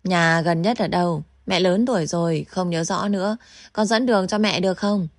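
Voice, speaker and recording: Sly young woman who mocks her captive and then turns falsely gentle, as a woman reads her in a storybook narration. The voice is low and dry, recorded close. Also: moderate pace, no room sound, natural voice. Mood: coaxing. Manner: mocking, teasing, then falsely gentle and coaxing.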